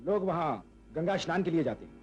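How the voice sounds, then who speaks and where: A man's voice: a little high, lively intonation, quick pace, close to an everyday voice. An actor playing a curt, nervous male schoolteacher, in 1970s film acting. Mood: tense. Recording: dull old film track under loud music.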